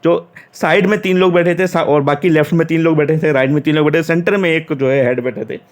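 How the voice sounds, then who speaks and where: Talking fast in a somewhat high voice with fairly even intonation, a young Uttar Pradesh man recounts his job interview. It's casual storytelling: he's chatty, replays the exchanges, and restarts often.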